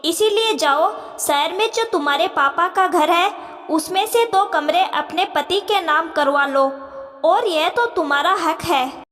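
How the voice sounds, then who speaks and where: A woman's voice: very high-pitched, unhurried, fairly bright tone, soft background music. Woman voicing a sad hesitant young wife. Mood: confessing. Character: sad young married daughter, hurt and hesitant. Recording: reverberant room.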